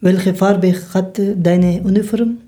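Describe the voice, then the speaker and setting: A woman hosting a scripted interview podcast, asking careful, measured questions. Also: mid-range voice, steady tone, dark tone. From Afghanistan. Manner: careful, measured learner's German. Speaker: podcast host.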